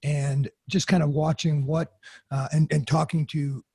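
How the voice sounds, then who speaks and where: A male podcast host with a gravelly, very husky voice chats loosely with his guest. His tone is dark and somewhat raised in pitch, recorded dry and close with little room sound. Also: flat delivery, a little slow, no echo. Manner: loose and chatty, with fillers and restarts. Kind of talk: casual interview hosting.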